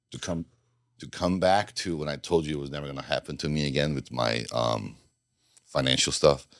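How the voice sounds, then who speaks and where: With a bass voice captured on a dry recording, a middle-aged Bosnian man recounts his past as an undercover FBI agent while guesting on a podcast. The interview is casual; he rambles, restarts sentences and drops dry jokes.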